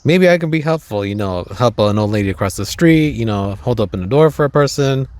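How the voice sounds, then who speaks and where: A man's voice: medium pitch, expressive, brisk, darkish tone, no echo. A young man telling comedic travel stories outdoors, self-deprecating with wry asides. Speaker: travel vlogger.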